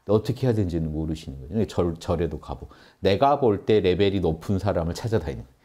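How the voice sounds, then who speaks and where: Low, dark-voiced man giving a spiritual lecture. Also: expressive, rapid-fire. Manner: earnest, explanatory, addresses audience directly. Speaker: meditation teacher.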